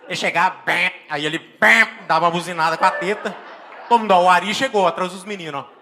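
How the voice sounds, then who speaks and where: A Brazilian man with a Brazilian Portuguese accent doing stand-up comedy and telling an animated story on a live stage, with exaggerated exclamations and acted-out scenes. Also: high voice, fast talker, a faint crowd, slight background noise. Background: faint audience laughter.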